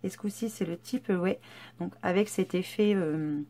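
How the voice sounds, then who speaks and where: A woman's voice: lowish voice, normal speed, warm tone. A woman vlogger casually presenting scrapbooking papers, chatty and hesitant with many fillers. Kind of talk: casual haul show-and-tell.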